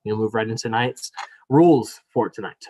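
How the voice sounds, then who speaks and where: A man's voice: fairly low pitch, normal speed, dark tone. Young man moderating a virtual student debate. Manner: apologetic and chatty, many fillers, then reads rules formally. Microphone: video call.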